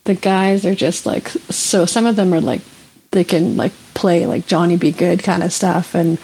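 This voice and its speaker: A Canadian woman guest in an interview, telling a personal story in a casual, animated way with frequent laughs and fillers. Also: on the low side, moderate pace, slightly rough, rough recording. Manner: animated, laughs often, many fillers and restarts.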